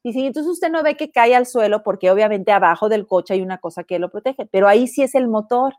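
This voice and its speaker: A woman's voice: mid-range voice, quick pace, no room sound, studio quality. A woman with a Mexican accent chatting casually as co-host, telling stories and acting out the dialogue. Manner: animated storyteller, acts out dialogue. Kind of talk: casual gossip chat.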